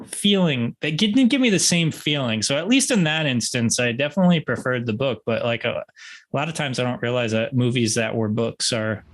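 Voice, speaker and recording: A man's voice: medium pitch, lively intonation, a little fast. A male guitarist answering interview questions in a rambling, self-deprecating way with many restarts. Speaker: guitarist guest.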